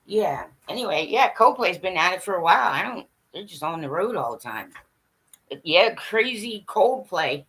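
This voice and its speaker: A woman with a fairly low, husky, slightly bright voice speaks in a sing-song way at a normal speed. She's a livestream host delivering a blunt, disjointed monologue directly to her audience, laughing, swearing, and asking for agreement.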